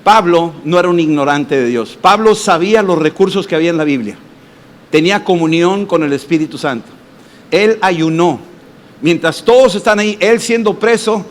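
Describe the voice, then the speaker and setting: A man, a pastor, preaching a sermon and telling personal testimonies in an animated way with acted voices and sound effects. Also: high voice. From Mexico. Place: church congress hall.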